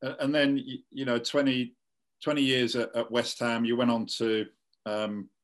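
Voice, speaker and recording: A man hosting an interview, framing long questions in a halting way and repeating his words. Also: mid-range voice, flat delivery. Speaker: podcast host.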